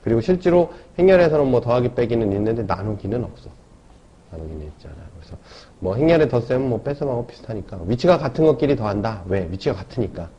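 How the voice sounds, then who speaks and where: A man's voice: medium pitch, animated, quick pace, mellow. A man teaching a math lesson, explaining step by step and often checking in with tag questions. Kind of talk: classroom lecture. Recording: dull lo-fi lecture recording.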